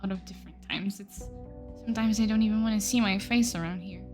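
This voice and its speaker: A woman voicing a withdrawn, uneasy young woman who speaks in a hushed, breathy, hesitant way. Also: medium pitch, fast talker, faint music behind, natural voice. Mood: weary hushed.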